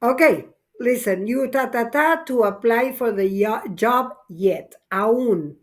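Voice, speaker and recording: Unhurried woman teaching English grammar. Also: on the high side. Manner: patient, explaining step by step with frequent "ok?". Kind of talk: online class teaching, mixing Spanish and English.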